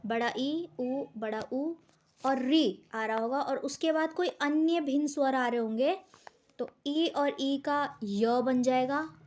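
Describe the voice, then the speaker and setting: A woman teaching an exam-prep grammar class in a high, bright voice. She talks slowly and patiently, puts a question to the class and then answers it herself. She draws out each example word with care. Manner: explains step by step, asks questions and answers them herself; says words and examples slowly and deliberately.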